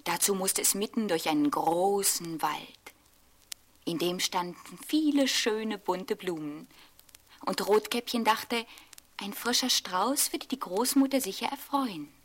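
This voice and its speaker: A woman reading a fairy tale aloud in a gentle, often whispered storytelling manner. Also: mid-range voice, unhurried.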